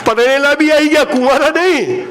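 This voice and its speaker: High-pitched animated Gujarati speaker. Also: male voice, normal speed, a faint crowd, a little hiss or hum. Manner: animated, joking, acts out lovers' lines in playful voices. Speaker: motivational speaker. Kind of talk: live motivational speech to an audience. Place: hall with a seated audience.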